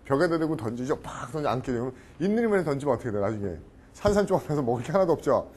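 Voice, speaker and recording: A middle-aged man lecturing on English idioms in Korean. He keeps asking the class questions, answers them himself, and often clears his throat. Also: medium pitch, very animated, very fast, darkish tone, slight background noise. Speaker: professor teaching English idioms.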